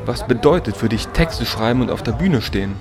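Radio host, man, middle pitch, scripted announcing, soft music bed. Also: expressive, a little fast. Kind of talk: radio moderation.

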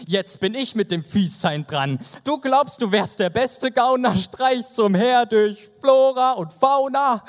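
A man's voice: sits high, voice pushed up. A man doing sneering mocking Fate. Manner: taunting, rhyming, gleeful. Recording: hall reverb.

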